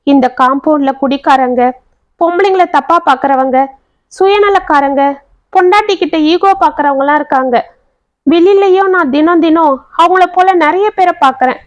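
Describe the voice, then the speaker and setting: A woman's voice: high voice, moderate pace, no room sound, lightly acted. A woman voicing a young wife in a story, speaking in an emotional, pleading way. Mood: remorseful. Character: young wife, tearful and remorseful.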